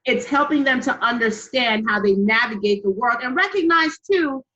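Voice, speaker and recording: A woman hosting an interview, speaking in a reflective, halting way over a video call. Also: on the high side, animated, pushed and bright, dull audio. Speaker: podcast host. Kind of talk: conversational interview.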